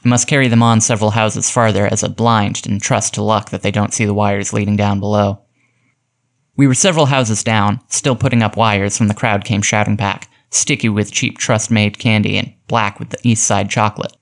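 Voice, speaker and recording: A man's voice: on the low side, fairly even intonation, a little fast, vocal fry. A man narrating a classic detective short story aloud, reading its dialogue with light acting. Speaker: audiobook narrator. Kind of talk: scripted narration.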